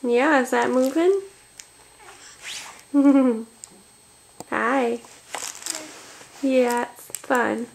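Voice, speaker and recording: Slow cooing woman in baby talk. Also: high voice, gravelly, slight background noise. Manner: slow, soft, cooing and encouraging. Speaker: parent.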